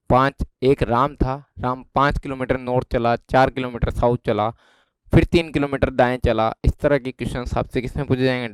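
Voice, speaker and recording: This exam prep teacher speaks with a Rajasthani Hindi accent in a clear, resonant, medium-pitched voice without any echo. Chatting his way through the exam syllabus, he regularly checks that the class is following along.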